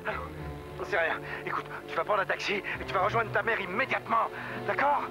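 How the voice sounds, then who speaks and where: A man's voice: sits high, fairly quick, over music. Worried father phoning from a payphone. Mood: urgent. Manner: urgent, pressed for time. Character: anxious father warning his daughter. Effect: calling from a public payphone, voice a bit distant. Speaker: father on the phone. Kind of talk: French dub of a TV film.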